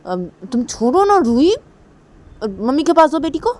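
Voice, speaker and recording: A woman's voice: on the high side, fairly quick, mellow, voice pushed up, natural voice. A woman voicing an anxious young woman who urgently pleads with her partner. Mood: pleading.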